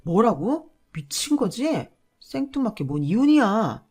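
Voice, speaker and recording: A selfish, defensive husband who brushes off every complaint with a sneer, voiced by a woman reading a radio drama. He argues loudly and looks down on his wife. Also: medium pitch, big pitch swings, measured pace, husky, soft background music. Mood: angry. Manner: dismissive and sneering.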